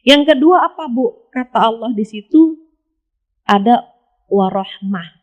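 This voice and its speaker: A woman preacher gives a casual, chatty sermon and keeps turning to her listeners as she talks. Her voice sits a little high. The recording sounds dull and lo-fi. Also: animated, measured pace. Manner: chatty, often addresses listeners directly. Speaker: Islamic preacher.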